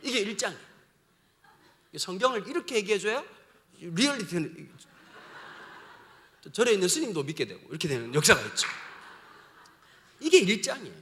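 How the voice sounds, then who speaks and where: A man's voice: sits high, sing-song, normal speed, long pauses, sharp tone, a little hiss or hum. A male pastor preaching a sermon in a joking, slangy way, often asking the congregation questions.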